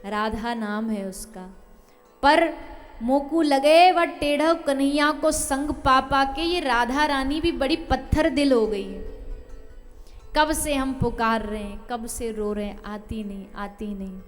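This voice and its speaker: A woman voicing an old blind holy man who laments softly and pleadingly. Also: sits high, slow, soft background music. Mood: plaintive. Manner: soft, plaintive, lamenting.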